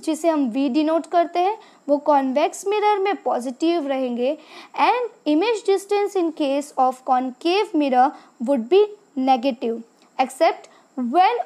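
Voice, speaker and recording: Slow, high-voiced woman teacher. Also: warm tone. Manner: slow, deliberate explanation mixing English and Hindi. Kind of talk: slide-based science lesson voice-over. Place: voice-over for screen slides.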